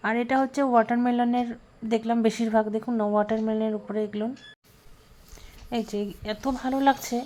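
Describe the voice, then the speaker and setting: A young woman chatting casually in a home vlog, sometimes speaking softly. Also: a little high, flat delivery, brisk, a little hiss or hum. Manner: chatty, talks softly at times. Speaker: vlogger.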